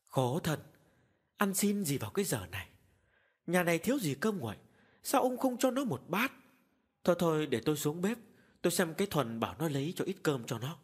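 A man putting on a shrill, nagging old wife. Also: big pitch swings, slightly rough. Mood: scolding. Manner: high, loud and brisk, nagging. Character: older village wife, kind but scolding. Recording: long hall reverb.

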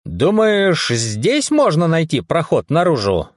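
A man voicing an eager young special forces captain in an audiobook, with a raised, excited voice. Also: a little high, takes it slowly, no room sound, clean studio sound, voice pushed up, full character voice.

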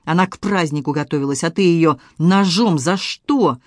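A man's voice: a little high, normal speed, dry recording, studio quality, lightly acted. A man reading an audiobook, voicing an enraged male police officer who swears and threatens. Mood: anguished. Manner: shouting, swearing, desperate.

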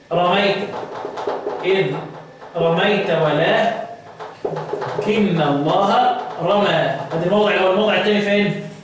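A man's voice: high voice, fairly bright tone. Egyptian guy teaching quran readings, keeps firing questions at the class, mic far off, faint hiss. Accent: Egyptian Arabic. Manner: quizzing students with repeated questions; slow chanting of verses. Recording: echoey room, distant mic, faint noise.

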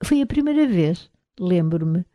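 A woman with a European Portuguese accent narrating an audiobook in a measured, even reading, recorded on a close mic. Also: fairly low pitch, no room sound, muffled recording.

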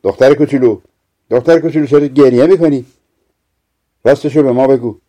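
A man reading aloud, voicing a fat, kindly talking mouse who speaks gently. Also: mid-range voice, lightly acted. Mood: coaxing.

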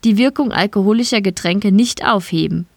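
A woman's voice: mid-range voice, moderate pace, darkish tone, dry recording, clean studio sound, close to an everyday voice. A woman reading the messages of an impersonal wrist-chip notification system, in formal announcement phrasing.

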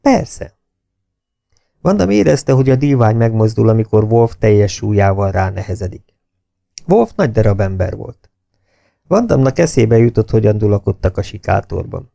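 A man narrating an audiobook in a steady, measured reading style. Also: on the low side, vocal fry, no room sound.

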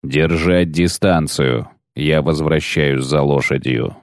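A man's voice: extremely low pitch, steady tone, no echo, clean studio sound, pitched below the performer's own voice, exaggerated voice. A man doing a cold, curt bounty hunter. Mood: cold command. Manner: curt, measured, commanding.

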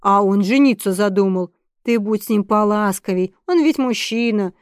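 A woman voicing a brisk, scheming elderly countess who speaks curtly and matter-of-factly to her granddaughter. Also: mid-range voice, a little mellow, smooth, dry recording, studio quality, lightly acted.

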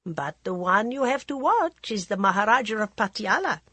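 A woman reading aloud voices a theatrical high-society lady who gushes and calls everyone darling. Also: sing-song, normal speed, bright, forceful tone, slightly rough, dry recording, exaggerated voice. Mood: gushing gossip.

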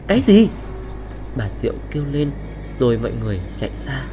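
A man's voice: medium pitch, fast, noisy background. A man narrating a horror story in a dramatic, suspenseful way. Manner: expressive, suspenseful.

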